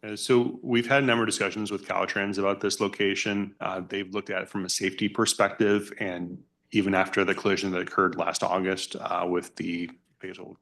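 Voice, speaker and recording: A man's voice: low voice, little pitch movement, fairly quick, hardly any pauses, fairly bright tone. A man giving explanatory answers at a public meeting as a transportation project staff member.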